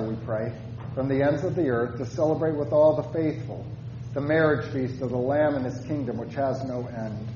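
A man leading formal church prayers as a pastor, in a solemn, measured manner. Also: fairly high pitch, roomy sound. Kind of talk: formal liturgical prayer and chant. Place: church service. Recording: muffled church recording with faint noise.

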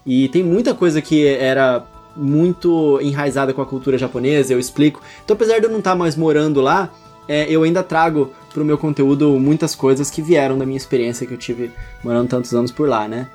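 A man's voice: a little high, a little fast, a little mellow, soft background music. A Brazilian man talking casually as a guest on a podcast.

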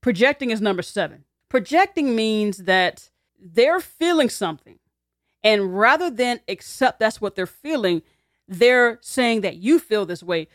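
A woman's voice: on the high side, expressive, a little slow, no echo. Woman explaining in a dry, close voice. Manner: conversational, acts out quoted lines, laughs in asides. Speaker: teacher. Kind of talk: explanatory talk to camera.

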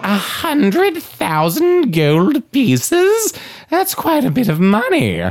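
Woman playing a brash, very animated adventurer. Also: high-pitched, slow pace, exaggerated voice. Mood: indignant. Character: brash, greedy female adventurer playing librarian. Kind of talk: comedic fantasy audio drama.

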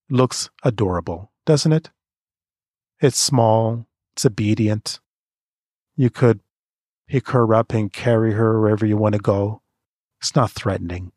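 Guy with a lowish voice giving earnest motivational advice to writers, slow emphatic words, dry close sound. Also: a little mellow, dry recording. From Canada. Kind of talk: motivational monologue.

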